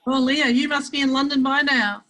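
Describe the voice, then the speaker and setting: A woman's voice: sits high, fairly even intonation, normal speed, pushed and bright, low-quality recording. An Australian woman leading an online workshop over a video call, chatty and often restarting her sentences while explaining. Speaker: webinar facilitator. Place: home office, standing.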